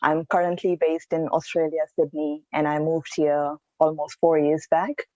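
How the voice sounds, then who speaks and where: A woman from India, a podcast guest, answering in an earnest, reflective way with pauses and restarts. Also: low voice, little pitch movement, darkish tone, no echo, dull audio. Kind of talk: casual interview answers.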